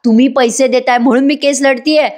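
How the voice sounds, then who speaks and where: A woman's voice: sits high, steady tone, brisk, darkish tone, pitched above the performer's own voice, lightly acted. A woman voicing a proud female lawyer who speaks coldly and cuttingly. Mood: stern. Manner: cold, cutting.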